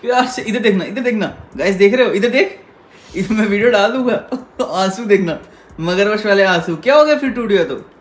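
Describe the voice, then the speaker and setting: A man's voice: high voice, animated, brisk. A young man hosting a casual vlog, chatting and teasing, talking straight to his viewers. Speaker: vlogger.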